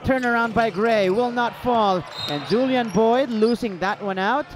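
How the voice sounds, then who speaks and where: High-voiced male basketball play-by-play caller. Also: background noise. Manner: rapid play calls, shouting on big plays. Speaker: play-by-play commentator. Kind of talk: live basketball commentary. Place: indoor arena.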